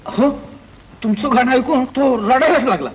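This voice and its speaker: A man's voice: very high voice, moderate pace, slightly rough, rough recording. An actor playing a joking young male friend who teases and banters in an easy way, in a 1950s film. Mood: bantering. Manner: teasing, bantering.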